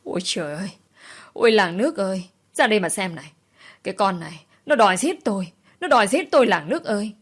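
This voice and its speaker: A woman voicing a spiteful, quarrelsome female co-worker who yells and accuses in a storybook reading. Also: mid-range voice, normal speed, natural voice. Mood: wailing. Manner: accusing, yelling.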